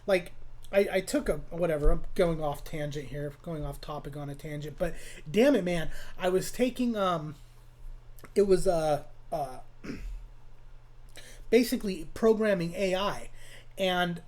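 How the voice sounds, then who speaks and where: A man's voice: a little high, a little slow, a little mellow. A man hosting a casual music production tutorial, rambling and profane, with many fillers and restarts. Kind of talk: casual screen-recorded tutorial.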